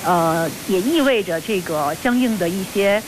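A woman delivers a live, unscripted news report from the field at a middling pitch. Her delivery is formal and earnest, with pauses as she searches for phrasing. Clear hissy noise runs behind her voice on the outdoor feed. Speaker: field reporter for a radio broadcast. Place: outdoors at a launch site. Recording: noisy outdoor live feed with steady hiss.

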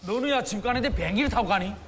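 A man's voice: sits high, expressive, very fast, noisy background. A man playing a thrifty, blustery older husband in a comic sketch, teasing and exclamatory, with a Yanbian Korean accent from China.

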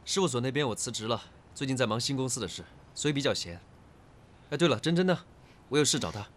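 Actor as quick-talking earnest young man. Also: mid-range voice, expressive, lightly acted. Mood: casual. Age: young adult. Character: earnest, cautious young man starting a company. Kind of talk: television drama acting.

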